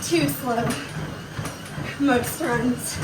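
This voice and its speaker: High-voiced woman talking while running. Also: drawn-out words. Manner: encouraging, reassuring. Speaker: running coach leading a treadmill workout. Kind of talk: casual workout talk to viewers. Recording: roomy, distant mic with loud machine noise.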